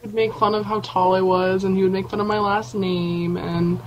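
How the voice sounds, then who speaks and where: A woman's voice: mid-range voice, level tone, moderate pace, dull audio, noisy background. A teenage girl guesting on a casual podcast with friends, telling stories in a chatty way. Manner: chatty, storytelling. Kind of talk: casual chat among friends.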